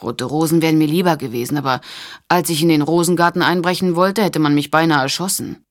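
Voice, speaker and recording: A woman's voice: low voice, fast talker, close to an everyday voice. A playful, joking man, as a woman reads him. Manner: dry and playful. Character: joking, proud, romantic grown man.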